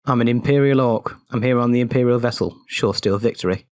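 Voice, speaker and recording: A man voicing a proud, guarded male orc trader in an audio story, speaking with measured, pointed emphasis. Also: mid-range voice, no echo, close to an everyday voice.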